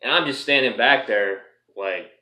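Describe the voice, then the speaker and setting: Guy rambling through a story time vlog, bright sharp voice, says you know a lot, echoey room. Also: mid-range voice, normal speed. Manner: rambling, lots of "you know" fillers, swears freely. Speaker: martial arts instructor.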